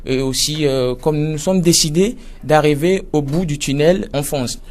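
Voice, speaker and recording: Association president, measured. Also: male voice, a little high, a little mellow. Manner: measured, plain, with fillers. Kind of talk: radio interview.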